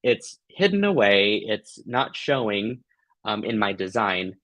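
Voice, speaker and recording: A man with a slightly low voice in a close, dry recording hosts a craft tutorial. He is gushing and affectionate with his viewers, talking in a casual, playful, giggly way. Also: very animated, a little slow, fairly bright tone, dry recording, poor audio.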